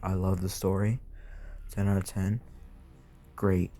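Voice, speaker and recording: A man's voice: low-pitched, flat delivery, a little slow, dark tone, faint music behind. A young man casually reviewing movies for his channel, rambling and swearing with lots of fillers. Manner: rambling, profane, filler-heavy.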